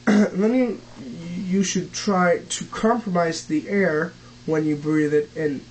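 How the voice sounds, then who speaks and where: A young man who is not a native English speaker, teaching vocal techniques in a casual home tutorial, halting with many fillers and restarts. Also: sits high, steady tone, darkish tone, a little hiss or hum, low-quality recording.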